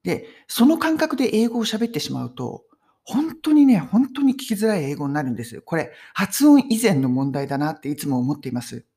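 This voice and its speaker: Lively woman teaching English conversation. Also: sits low, fairly quick. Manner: lively, emphatic, friendly teaching tone. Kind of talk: casual video lesson. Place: home in London.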